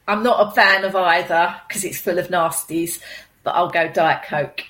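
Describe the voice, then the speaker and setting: A woman in a casual quick-fire chat, chirpy and quick to laugh. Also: fairly low pitch, a bit bright. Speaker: podcast guest, amateur runner.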